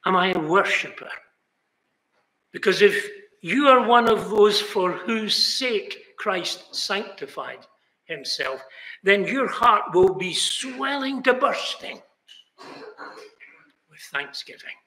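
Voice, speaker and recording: Speaking slowly with frequent pauses, this older British preacher has a high, animated voice with a bright, forceful tone. His earnest sermon occasionally builds to exclamations. He is filmed indoors in a chapel hall by a fixed camera in a seated mid shot, with an echoey sound.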